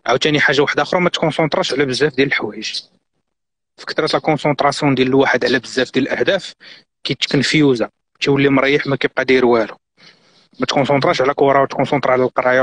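A man's voice: medium pitch, a bit bright. A middle-aged man from Morocco with a Moroccan accent, a guest on a live stream, giving earnest, insistent advice and mixing in French and English words.

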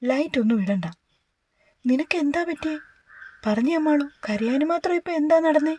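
A woman's voice: sits high, expressive, moderate pace, a little mellow, slight background noise, voice pushed up. A woman voicing a short-tempered but caring young husband who scolds and then coaxes. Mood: worried.

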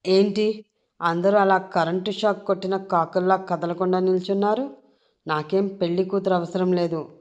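Woman playing a menacing male villain, loud, sneering, raised voice, audio story. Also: fairly low pitch, steady tone, moderate pace, highs cut off, close to an everyday voice. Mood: harsh.

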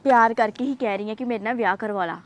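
A young woman plays an insistent young pregnant woman in a short film. She talks quickly in a high voice, pleading and firm by turns. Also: close to an everyday voice. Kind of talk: scripted film dialogue.

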